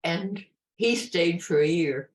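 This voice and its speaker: A very old woman, about a hundred, recalling her life in an interview in a halting way, repeating words and restarting sentences. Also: fairly low pitch. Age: about 101, very old. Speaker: interview guest, retired park ranger. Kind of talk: reflective personal interview.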